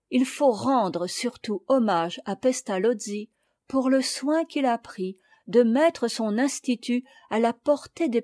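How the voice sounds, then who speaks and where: A woman reading a classic essay aloud as an audiobook reader, in a measured, deliberate way. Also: medium pitch, mellow, no room sound, clean studio sound.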